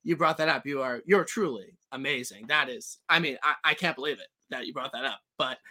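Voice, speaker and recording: Bright-voiced joking male podcast host. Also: mid-range voice, brisk. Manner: teasing, jokey, stammers on restarts. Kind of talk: casual podcast banter.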